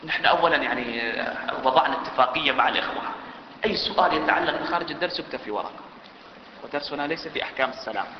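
A man's voice: fairly high pitch, racing, slight background noise. A man giving a religious lesson, often repeating key phrases and putting questions to his listeners. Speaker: religious teacher. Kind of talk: religious lesson to a seated audience. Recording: echoey hall, dull sound.

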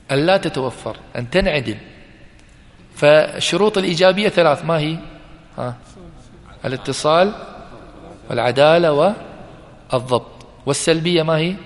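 A male teacher giving a classroom lecture, repeating key terms slowly and putting questions to his students. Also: fairly high pitch. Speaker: teacher of hadith sciences. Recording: long reverb in a hall.

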